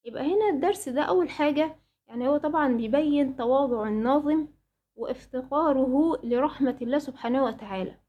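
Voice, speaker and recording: A woman's voice: sits high, dark tone. A woman with an Egyptian accent teaching a Quran recitation lesson to female students. She poses rhetorical questions, answers them herself, and often hesitates and restarts. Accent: Egyptian Arabic.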